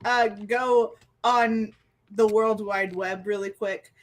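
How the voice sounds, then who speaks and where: A woman playing a tabletop role-playing game who speaks hesitantly and haltingly, with many fillers. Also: medium pitch, steady tone. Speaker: player. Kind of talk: tabletop role-play chat.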